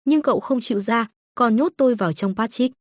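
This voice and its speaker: A woman's voice: a little high, fairly quick, no room sound, clean studio sound, lightly acted. A woman voicing a stubborn little boy who speaks indignantly. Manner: indignant, shouting for help.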